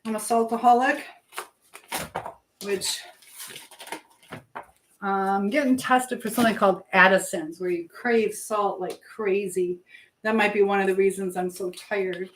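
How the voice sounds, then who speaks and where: On a casual evening livestream, a chatty American woman cooks at her home kitchen counter and talks to her regulars by name, reading out and answering their comments. Her medium-pitched voice is steady and a little slow, with frequent pauses. A slight hiss or hum is audible.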